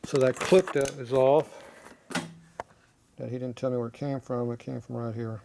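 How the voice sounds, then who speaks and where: Casting note: mid-pitched man mechanic, matter-of-fact, mumbling to himself over clear shop noise and clicks. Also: flat delivery, normal speed, dark tone. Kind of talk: thinking aloud while working.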